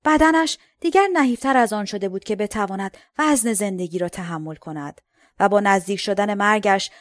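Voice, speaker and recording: A woman's voice: mid-range voice, no room sound. Dry-voiced woman narrating a novel. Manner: dry, sardonic storytelling. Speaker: audiobook reader. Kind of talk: first-person novel narration.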